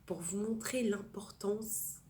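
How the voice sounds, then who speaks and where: A woman's voice: medium pitch, slow, mellow, a little hiss or hum. A woman teaching an informal religious lesson, hesitant, with many fillers and restarts. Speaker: Torah class teacher.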